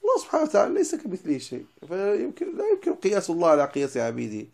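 A male religious teacher gives a lecture on a poem. His voice sits fairly high and he talks at a brisk clip. He leans hard on single words, then sinks into softer asides. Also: wildly swooping pitch, creaky. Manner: emphatic, stresses single words then drops to quiet asides. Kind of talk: lecture explaining a didactic poem.

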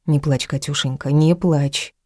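A woman voicing a calm middle-aged woman doctor who gently comforts her daughter. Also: low voice, a little slow, dry recording, clean studio sound. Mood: gentle. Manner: gentle, soothing.

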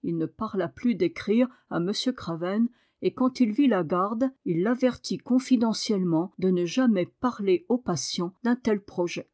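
A woman narrating a classic children's novel as an audiobook, measured and clear. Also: medium pitch, dark tone, dry recording, clean studio sound.

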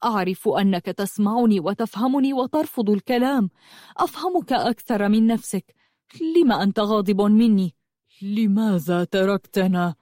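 A woman voicing an earnest adult horseman who speaks tenderly and in hushed tones to his beloved horse. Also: high-pitched, animated, normal speed, dry recording, clean studio sound.

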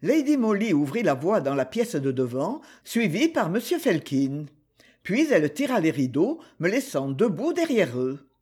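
A man narrating an audiobook in a fairly high, slightly husky voice. His reading is measured and expressive, with a lot of movement in the pitch. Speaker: audiobook reader.

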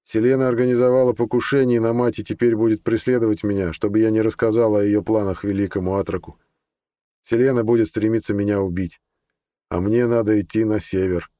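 A man's voice: lowish voice, steady tone, a little fast, mellow, dry recording, studio quality, natural voice. Terse, determined young man, read by a narrator. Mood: urgent. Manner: terse, urgent.

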